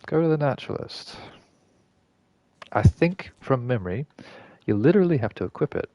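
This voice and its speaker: A man's voice: medium pitch, lively intonation, moderate pace, mellow, no room sound. A man streaming a game and explaining a glitch in casual gameplay commentary, rambling and correcting himself and swearing casually. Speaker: gaming streamer.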